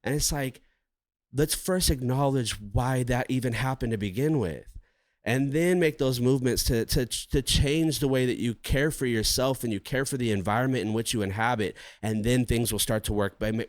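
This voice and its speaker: A man co-hosting a casual podcast, talking in long rambling runs with plenty of swearing and bursts of animation. His voice sits at an ordinary pitch and sounds close and dry, with no room around it. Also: normal speed, no room sound. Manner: rambling, profane and animated, acting out his inner voice. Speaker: podcast co-host.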